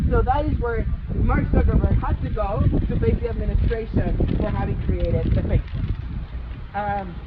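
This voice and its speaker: A young man from Chile with a Chilean accent, a student earnestly explaining things while walking outdoors on a college campus. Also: high voice. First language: Spanish. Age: young adult. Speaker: student tour guide. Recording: tinny phone-like audio with loud outdoor traffic noise.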